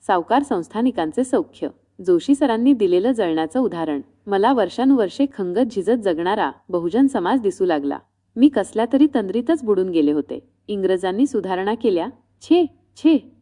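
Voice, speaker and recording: Woman reading a story aloud, calm and reflective, mellow warm tone. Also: medium pitch. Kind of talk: scripted first-person story narration.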